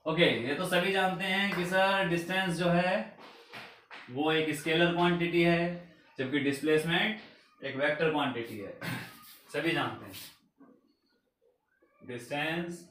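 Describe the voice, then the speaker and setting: Standing at a whiteboard in a small room, a young man teaches physics in a blend of Hindi and English, posing questions to the class and answering them himself. His slightly high, fairly bright voice is unhurried with frequent pauses. A distant camera records him in a very echoey space with slight background noise.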